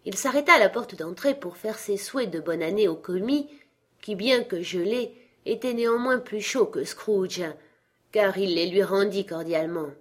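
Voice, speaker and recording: A woman narrating a classic story in a measured, expressive audiobook reading. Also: medium pitch.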